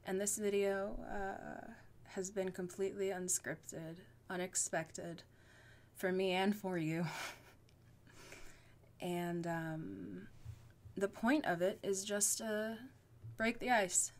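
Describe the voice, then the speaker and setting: A young woman talking to her channel in an unscripted vlog, rambling and halting with fillers, often laughing at her own words. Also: medium pitch, fairly even intonation. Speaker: YouTuber.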